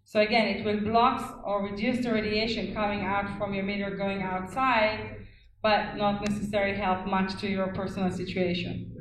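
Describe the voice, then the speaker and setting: A woman's voice: medium pitch, flat delivery, normal speed, noisy background. A woman answering audience questions at a public meeting, giving direct, firm advice. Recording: echoey hall with crowd.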